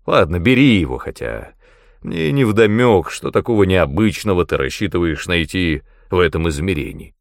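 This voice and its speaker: Man as a scaly demon mentor, grumpy, blustering, shouty, dry recording. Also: sits low, expressive, normal speed, dry recording. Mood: grudging. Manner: blustering, explosive outbursts. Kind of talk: audiobook character reading.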